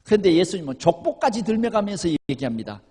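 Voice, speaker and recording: A male pastor preaching a sermon, with emphatic swings between loud declarations and quiet asides. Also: high-pitched, sing-song, quick pace, husky. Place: church sanctuary. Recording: reverberant church hall.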